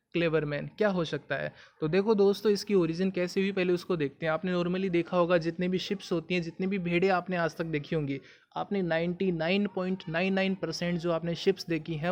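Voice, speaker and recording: A man's voice: sits high, dull audio. A man with a Hindi accent teaching English idioms in a video lesson, explaining patiently and asking the viewer questions.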